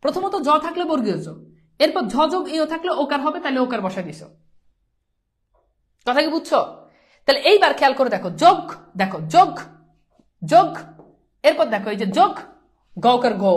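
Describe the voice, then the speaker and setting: A woman's voice: high-pitched, very animated, a little fast, long pauses. A woman teaching a live online grammar lesson, quizzing her students and repeating each pronunciation several times. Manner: sprinkles English words into speech.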